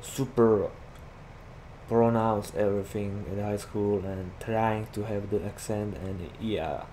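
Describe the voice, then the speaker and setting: A young Slovak man with a Slovak accent chats loosely over his gameplay as a gaming YouTuber, rambling and packing his talk with "like." His fairly low, warm voice moves slowly with fairly even intonation. The recording is rough, with game vehicle noise behind him.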